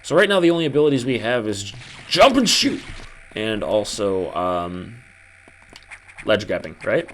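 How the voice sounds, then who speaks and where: A man's voice: on the low side, animated, unhurried, long pauses, a bit bright, a little hiss or hum, poor audio. A man hosting a video game playthrough with casual, jokey and self-deprecating commentary.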